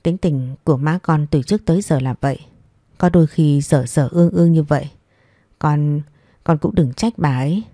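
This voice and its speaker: A woman's voice: deep voice, moderate pace, warm tone, no room sound, clean studio sound. A woman voicing a stern old father who rebukes his wife firmly. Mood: gentle. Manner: stern, firm, reproachful. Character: stern old father, strict family head.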